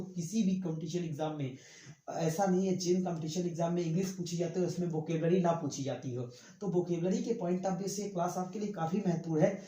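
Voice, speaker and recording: A man's voice: a little high, mellow, echoey room, poor audio. A male English vocabulary teacher giving an online exam-prep lesson. He writes on a board as he talks, repeats each word and keeps calling the listeners "friends". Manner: talks while writing on a board.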